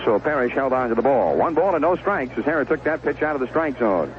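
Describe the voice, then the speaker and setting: Fast and lively in intonation, a man with a mid-range voice gives live baseball play-by-play on 1970s radio, using short, clipped lines and conversational narration. He sits in a stadium booth with a broadcast mic and headset monitoring; the sound is lo-fi with slight background noise.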